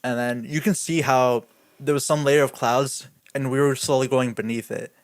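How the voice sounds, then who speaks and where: A young man co-hosting a podcast and chatting loosely with a friend. He tells his story with many "likes" and breaks into laughs often. His voice is mid-pitched and the recording is close and dry. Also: normal speed, clear, resonant tone, no echo. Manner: animated storyteller, laughs often, says "like" a lot. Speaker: podcast co-host. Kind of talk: casual chat.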